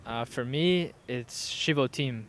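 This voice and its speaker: A man from Maryland, a soccer player, giving short, low-key answers in an outdoor interview. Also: slow pace, noisy background. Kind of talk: casual interview chat. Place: outdoors by a river.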